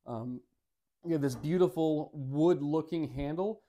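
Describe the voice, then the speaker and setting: An American man in his thirties, his voice a little high and warm, talks a little slowly as he does a casual, upbeat product review and demo to camera. He keeps it easygoing and folksy, filming in his home dining room and kitchen.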